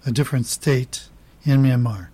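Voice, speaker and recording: A man's voice: mid-range voice, normal speed, mellow, slightly rough. Matter-of-fact man guest, dry humor. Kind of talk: casual chat.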